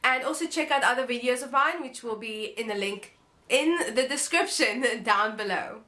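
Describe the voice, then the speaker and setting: Casual female book vlogger, high bright voice, nasal and stuffed up with a cold. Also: normal speed. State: congested, blocked nose from a cold. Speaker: book review channel host. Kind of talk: casual vlog book review.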